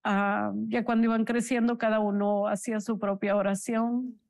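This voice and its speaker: A woman giving an emotional, halting personal testimony in an interview, earnest and religious. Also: medium pitch, little pitch movement, darkish tone, no echo. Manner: emotional, slow, halting storytelling. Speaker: interview guest, bereaved mother.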